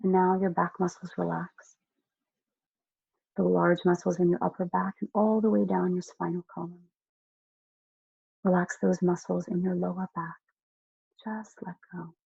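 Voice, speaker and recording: A hypnotist guiding a listener through slow, soothing relaxation, giving soft instructions with long pauses. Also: medium pitch, vocal fry, breathy edge, dry recording, phone-quality sound. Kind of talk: guided relaxation hypnosis script.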